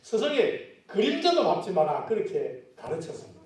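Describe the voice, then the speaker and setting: Male pastor, middle-aged, high voice, chatty sermon delivery, heard from a distance in a very echoey church hall. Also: wildly swooping pitch, moderate pace. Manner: conversational preaching with questions to the congregation. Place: church sanctuary. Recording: very echoey church, mic far off.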